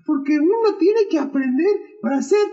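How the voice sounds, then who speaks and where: A woman's voice: very high voice, expressive, moderate pace, warm tone. A woman voicing a cheerful boy puppet who teaches children at church, playful and leading call-and-response. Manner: playful, laughs at own jokes, call-and-response. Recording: dull lo-fi recording.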